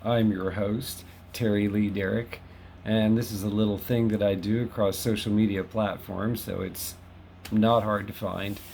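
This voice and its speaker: His delivery is flat and unhurried, with vocal fry and a fairly low, darkish tone, plus slight background noise. The Los Angeles host, in his 50s, talks to camera from his West Hollywood home in a casual, chatty, wry way, often at his own expense.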